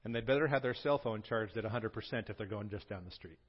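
A man's voice: on the low side, quick pace, lo-fi sound. Man in his forties, preaching. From Southern California. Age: 40s. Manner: prays softly, then preaches with lively storytelling and humor. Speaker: pastor. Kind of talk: sermon.

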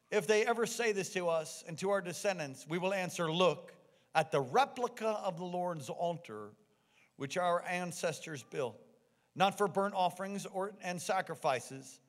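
A high-pitched American man preaching in a church sanctuary, with the long reverb of a large hall trailing his words. He preaches emphatically, repeating key phrases and quizzing the congregation with "a what?" before giving the answer. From United States. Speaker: pastor. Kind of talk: sermon.

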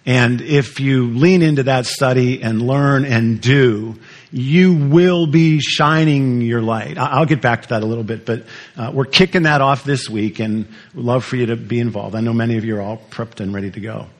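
A man's voice: mid-range voice, moderate pace. A male pastor preaching a sermon in a conversational way, asking the congregation questions.

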